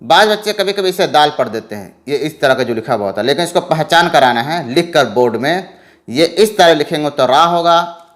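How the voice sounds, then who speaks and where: A man teaching letter reading in a patient lesson, repeating letter names slowly and drawn out. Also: on the high side, expressive. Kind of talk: slow explanatory lesson.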